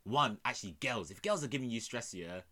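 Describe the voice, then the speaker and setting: A man's voice: medium pitch, lively intonation, brisk, sharp tone. A young man with a London roadman accent, chatting casually in heavy street slang with repeated conversational tags. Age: young adult.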